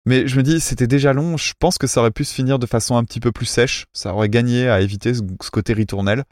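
A man's voice: mid-range voice, steady tone, fast, darkish tone, no echo, studio quality. A man co-hosting a casual music chat, critiquing cover songs in a technical, self-mocking way with lots of fillers. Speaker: podcast co-host reviewing cover songs.

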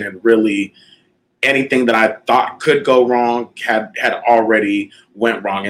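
A man's voice: fairly low pitch, fairly bright tone, poor audio. A man born in Canada hosting a talk show, speaking in a reflective, casual way with frequent fillers. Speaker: host. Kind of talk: casual chat.

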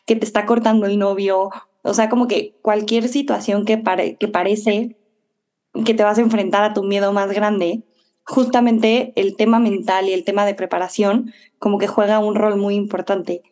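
A woman's voice: mid-range voice, fairly even intonation, normal speed, a little mellow. A woman hosting a casual podcast, speaking reflectively in long linked thoughts full of fillers. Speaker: podcast host.

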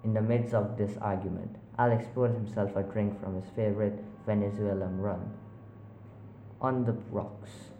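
A man narrating a spooky story in a measured, unhurried way with small slips. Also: fairly low pitch, steady tone, mellow, slight background noise. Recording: roomy echo.

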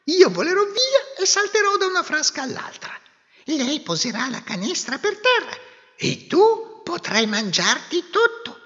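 A man voicing a small, clever male songbird in a folk tale, using a squeaky falsetto. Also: sing-song, a little slow, sharp tone, full character voice. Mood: sly, coaxing. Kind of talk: storybook character voice. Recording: echoey hall, dull lo-fi sound.

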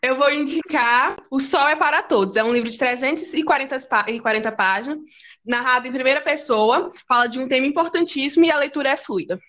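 A woman's voice: sits high, fast talker, a bit bright. A woman co-hosting a casual podcast chat, talking hesitantly with stammers and fillers. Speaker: podcast co-host.

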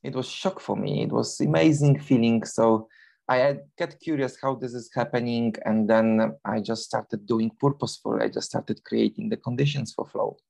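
A man's voice: mid-range voice, normal speed, vocal fry, darkish tone. A man in his forties from Poland with a Polish accent, a guest in an interview who talks casually with many fillers and restarts. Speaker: guest, long-distance runner.

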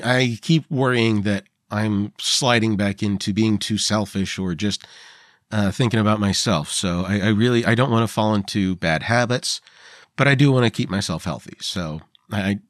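A man's voice: lowish voice, no echo. Forties male podcast host, loose rambling chat, dry close sound. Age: 40s. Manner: rambling, informal, swears casually, many fillers.

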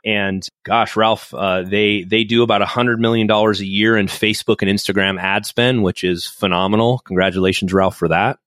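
A man's voice: fairly low pitch, fairly even intonation, normal speed, few pauses, a bit bright, no room sound. A man hosting a casual podcast interview, chatty and upbeat with many fillers and restarts. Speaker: podcast host.

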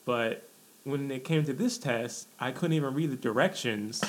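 A young man hosting a casual podcast chat, telling stories in a relaxed way with frequent laughs. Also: medium pitch, normal speed. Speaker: podcast host.

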